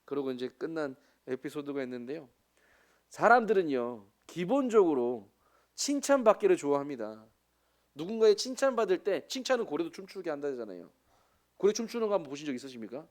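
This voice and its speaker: A man's voice: on the high side, very animated, a little fast, a little mellow. Chatty Jeolla-accented man preaching. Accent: Jeolla Korean. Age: 40s. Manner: chatty, joking asides to the congregation. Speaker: missionary preacher. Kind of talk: sermon.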